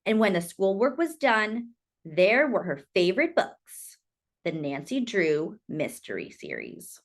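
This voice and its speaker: Using a mid-range voice, a woman reads a children's picture book aloud in storyteller fashion. Her delivery is deliberate and expressive, punctuated by dramatic emphasis.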